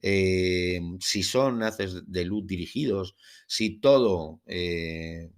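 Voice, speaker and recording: A man with a deep, low voice and a Spain Spanish accent presents a solo podcast. His delivery is formal and measured, somewhere between prepared narration and talk. He favours literary, carefully built phrases. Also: clear, resonant tone. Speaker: podcast host. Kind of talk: podcast monologue on a UFO case, part scripted narration.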